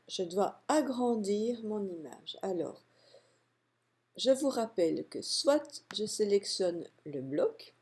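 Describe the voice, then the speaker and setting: A woman calmly walking through a software tutorial step by step, narrating her clicks. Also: mid-range voice, husky. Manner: calm step-by-step explaining, unhurried. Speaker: software instructor. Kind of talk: screen-recorded software tutorial.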